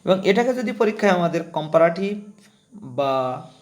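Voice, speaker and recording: Man teaching a grammar lesson, fairly high voice. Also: lively intonation, normal speed. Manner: explains step by step, repeats key terms. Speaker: English teacher.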